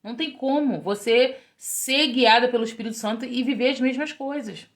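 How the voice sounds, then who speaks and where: Woman preacher, fairly high voice, conversational, middle-aged, talks straight to her listeners. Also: normal speed. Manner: conversational, keeps asking "né?" and addressing "meninas". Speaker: women's ministry preacher. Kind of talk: informal devotional talk.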